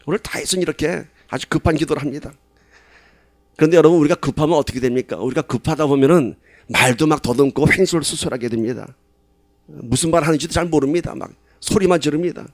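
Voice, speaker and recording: A pastor giving a sermon in a conversational way, asking the congregation questions and rising to loud, emphatic stretches. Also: male voice, a little high, fast talker, dry recording, clean studio sound.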